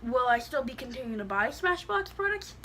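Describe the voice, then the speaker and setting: Her high-pitched voice is very animated, fairly quick, pushed and bright as she chats bluntly about a product, rambling and leaning hard on "like." She has a slushy-s lisp, with a little hiss or hum in the background.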